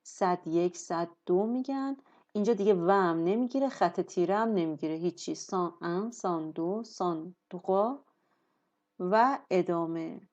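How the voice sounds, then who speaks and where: Woman teaching french, patient explainer, lowish voice, kinda dull lo-fi sound. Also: darkish tone. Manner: patient, explanatory, slows down on example words. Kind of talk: language lesson.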